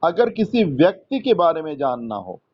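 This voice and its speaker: A man teaching an English lesson, quizzing students one by one in a patient, coaxing, gently teasing way. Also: on the high side, big pitch swings, moderate pace, dull audio. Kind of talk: online class quizzing students.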